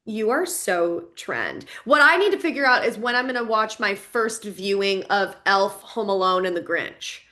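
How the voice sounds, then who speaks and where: Bright, bubbly woman podcast co-host. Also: mid-range voice, animated, moderate pace, few pauses. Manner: bubbly, slangy, enthusiastic. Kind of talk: casual chat.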